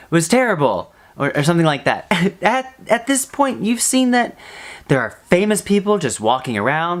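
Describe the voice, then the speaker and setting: A vlogger chatting casually to camera in an animated, exasperated way, often throwing out rhetorical questions. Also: medium pitch.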